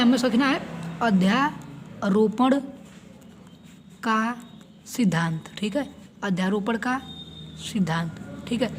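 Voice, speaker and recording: A man's voice: very high voice, slight background noise. A male physics teacher giving a board-exam lesson with diagrams. He repeats each point, asks and answers his own questions, and keeps checking in with the students.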